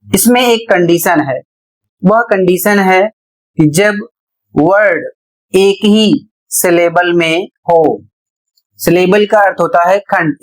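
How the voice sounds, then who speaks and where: A man teaching a spoken lesson, explaining pronunciation rules in a deliberate way and spelling words out letter by letter. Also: high-pitched, rough recording. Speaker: English teacher.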